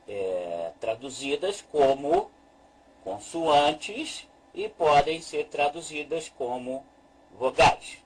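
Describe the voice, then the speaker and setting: A man teaching a slow, deliberate lesson as a Hebrew teacher, repeating each point and walking through a chart on screen. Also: mid-range voice, husky, poor audio.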